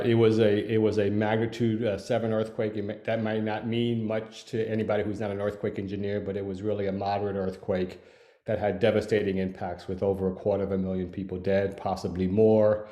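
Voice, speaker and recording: A man with a very low, dark voice gives a panel talk over a video call, halting often with fillers and restarts. His delivery stays flat and even. The sound is roomy, with a clear echo. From Haiti. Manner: hesitant, many fillers and restarts. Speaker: panelist, earthquake engineer.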